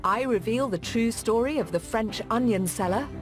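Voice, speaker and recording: A woman's voice: fairly high pitch, normal speed. A woman with a British accent reading scripted cookery narration as a presenter. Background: music.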